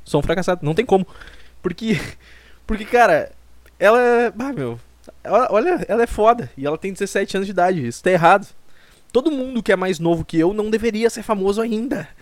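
A man's voice: high-pitched, dry recording. A young man in his twenties from Brazil, hosting a solo comic podcast with a rambling, self-mocking and profane way of talking, close to the mic. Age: 20s. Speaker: podcast host.

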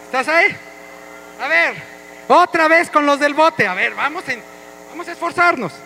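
High, bright-voiced playful pastor. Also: male voice, normal speed, vocal fry, slight background noise, rough recording. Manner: energetic, playful, coaxing the congregation. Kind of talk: interactive church sermon. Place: church hall.

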